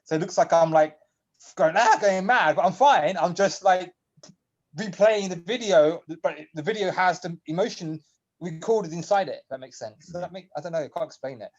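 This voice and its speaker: A man's voice: high-pitched, moderate pace, dull audio. A man chatting on a video call, rambling and emotional, often laughing as he talks. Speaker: guest on a community video call. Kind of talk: casual chat.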